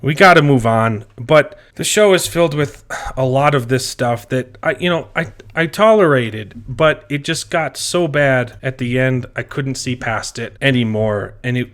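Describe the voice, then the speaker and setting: A man's voice: mid-range voice, a bit bright. A man vlogging an opinionated fan rant, sounding exasperated and emphatic and wandering off on digressions.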